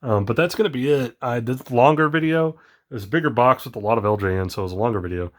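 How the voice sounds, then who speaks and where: Late at night, a man rambles through a casual unboxing vlog about his toy collection, excited yet tired and yawning, with many ums. He talks fast at a medium pitch.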